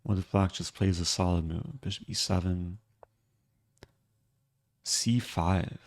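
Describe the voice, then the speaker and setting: Slow, low-voiced man streaming chess. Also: fairly even intonation. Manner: low-key, thinking aloud in short fragments. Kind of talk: casual live game commentary.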